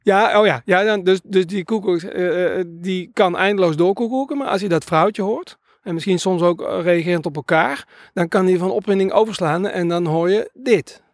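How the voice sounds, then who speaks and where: A man's voice: high voice, moderate pace, few pauses, no echo, studio quality. A man who records nature sounds, telling stories in a casual interview and rambling hesitantly with many filler sounds.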